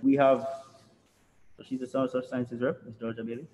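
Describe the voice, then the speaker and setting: A man with a Jamaican accent hosting a student office live stream, introducing committee members in a relaxed, chatty way. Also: mid-range voice, moderate pace, muffled recording. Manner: relaxed, chatty, laughs between words. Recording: echoey room with long reverb, faint noise.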